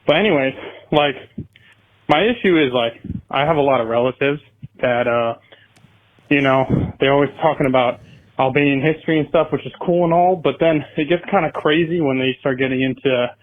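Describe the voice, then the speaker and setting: A man's voice: medium pitch, moderate pace. A young American man calling in to a podcast, rambling casually and swearing. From United States. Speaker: caller. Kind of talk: phoned-in voicemail question. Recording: tinny phone line.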